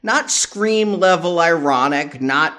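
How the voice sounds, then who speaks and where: A man's voice: on the high side, animated, takes it slowly, pushed and bright. A man co-hosting a podcast, presenting and discussing films conversationally. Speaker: podcast co-host. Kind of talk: film review presentation and chat.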